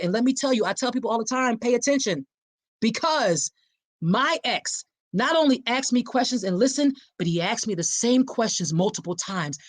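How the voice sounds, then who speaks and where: A woman's voice: medium pitch, dry recording. A middle-aged woman from Philadelphia with a Philly accent, hosting a book discussion podcast and speaking emphatically, straight to her listeners. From Philadelphia, USA. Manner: animated, talks directly to listeners, emphatic. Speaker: podcast host.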